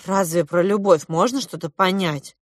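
A woman's voice: lowish voice, moderate pace, dry recording, studio quality, close to an everyday voice. A woman reading a storybook aloud and voicing an eleven-year-old girl heroine who scolds and commands. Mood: bossy.

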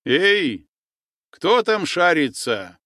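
Man doing a gruff boatman, stern, shouting orders, slow, lively pitch, dry studio sound. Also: no echo. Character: gruff male river boatman on watch.

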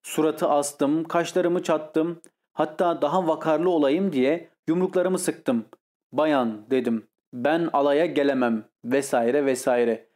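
A man's voice: a little high, slow pace, a little mellow. A man voicing a blustering, indignant older brother who scolds scornfully in an audiobook story. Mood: amused. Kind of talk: audiobook character reading.

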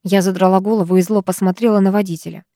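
Female audiobook narrator, first-person, measured and expressive, warm timbre. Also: mid-range voice, no echo, studio quality.

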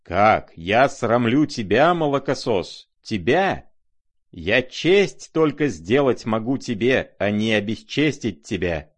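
A man's voice: lowish voice, expressive, takes it slowly. A man voicing a raging, pompous old retired general in a novel reading. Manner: thundering, wounded pomp.

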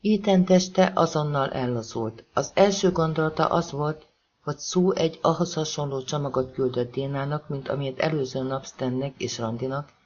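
A woman reading a novel aloud as an audiobook narrator, raising her pitch to voice the characters. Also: darkish tone, dull audio, a little hiss or hum. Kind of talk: scripted narration.

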